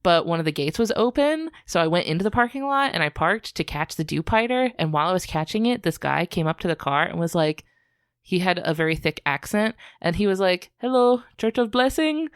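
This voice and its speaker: A woman's voice: on the low side, fairly quick, clear, resonant tone, no room sound, clean studio sound. A woman co-hosting a podcast, chatting casually and telling a story with lots of laughter. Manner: animated storytelling, laughs often. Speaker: podcast co-host. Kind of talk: casual chat.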